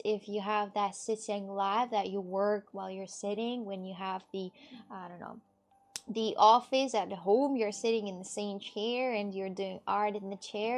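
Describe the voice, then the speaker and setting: A woman in her twenties, a streamer chatting casually with viewers, rambling, laughing often and swearing freely. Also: medium pitch. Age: 20s. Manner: rambling, giggly, frequent swearing. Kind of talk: casual chat answering viewers.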